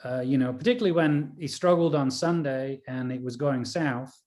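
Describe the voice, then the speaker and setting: A man's voice: mid-range voice, normal speed, darkish tone. A man, a golf caddie and coach, talking in a casual rambling way with many fillers and restarts. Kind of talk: casual conversation. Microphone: video call.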